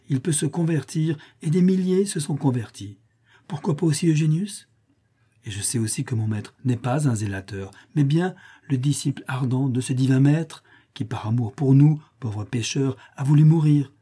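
Devout gothic servant girl pleading earnestly, man reading her, dark husky voice, storybook. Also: medium pitch, moderate pace, natural voice.

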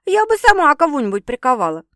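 A woman narrator puts on a cheeky, bawdy young sister who mocks and needles over the phone. Her voice runs higher than usual and sounds dry and close. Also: wildly swooping pitch, quick pace, a bit bright, no echo, heavily acted. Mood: teasing. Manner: mocking, bawdy and brash. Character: teasing, brash young woman Sveta, the sister.

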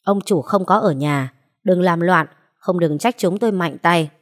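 A woman voicing a gruff male guard who threatens and gives orders. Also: lowish voice, a little slow, lightly acted. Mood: threatening. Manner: curt, threatening.

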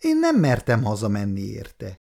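A man's voice: fairly low pitch, huge pitch swings, gravelly, darkish tone, heavily acted. A man voicing a frightened young boy who defends himself and pleads. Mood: pleading.

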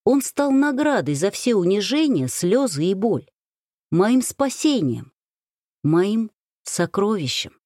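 Expressive woman reading an audiobook. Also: medium pitch, slow, dry recording, clean studio sound. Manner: lively, emotive first-person reading. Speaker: audiobook reader.

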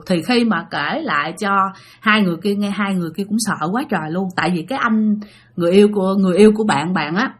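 A woman's voice: medium pitch, husky. A woman with a Southern Vietnamese accent telling a ghost story, talking straight to her listeners. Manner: animated, addresses listeners directly. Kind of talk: spoken ghost story narration.

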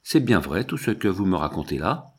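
A man reading aloud, voicing a lively, affectionate young woman who loves diamonds, with soft, pleading questions in a husky voice. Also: low voice, a little fast, full character voice. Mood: coaxing. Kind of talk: audiobook reading.

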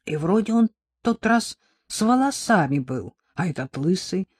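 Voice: mid-range voice, big pitch swings, a little slow, slightly rough. A reader putting on a hesitant young orderly who voices his doubts uncertainly. The voice is close and dry, without any room echo. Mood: doubtful.

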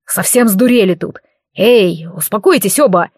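A woman voicing a big, hot-headed male half-dragon who booms and grumbles in an audiobook. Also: expressive, moderate pace, darkish tone, no room sound, studio quality, natural voice. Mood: roaring. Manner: booming, exasperated.

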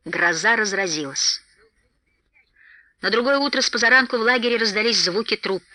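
A woman narrating an audiobook in an expressive storytelling manner. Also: mid-range voice, normal speed, dry recording. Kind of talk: scripted narration.

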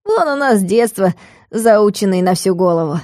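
A woman's voice: medium pitch, expressive, normal speed, darkish tone, dry recording, studio quality, natural voice. A woman voicing a small, fussy, bookish male devil who talks in a flustered, plaintive way. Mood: placating.

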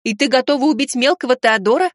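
A man's voice: very high-pitched, fast, no room sound, studio quality, voice pushed up. A man voicing a stern, sensible mother in a reading of a novel, talking her family out of a rash plan. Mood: firm reasoning. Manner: firm, reasoning, lecturing. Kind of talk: audiobook character voice.

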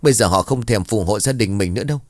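A man's voice: fairly low pitch, quick pace, darkish tone, no room sound, studio quality, lightly acted. A man voicing a worried young mother, speaking in a raised, pleading tone.

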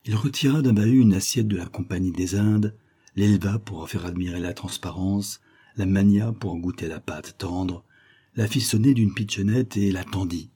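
Low, dark-voiced male narrator. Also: normal speed, slightly rough. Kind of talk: audiobook reading.

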